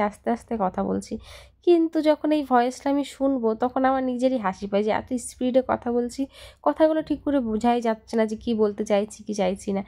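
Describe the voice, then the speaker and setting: A young woman talking fast and freely in a home vlog voice-over. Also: on the high side, warm tone. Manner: fast, chatty, talks a lot. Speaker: vlogger. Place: home, voice recorded later as voice-over.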